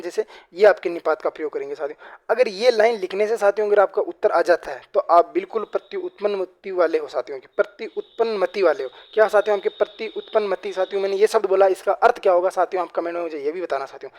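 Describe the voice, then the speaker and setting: A man teaching a grammar lesson for exam preparation. He asks questions and answers them himself, fills nearly every phrase with the same address to his viewers, and slows down to read example sentences aloud. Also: high voice. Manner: repeats "साथियों" and "बिल्कुल" constantly.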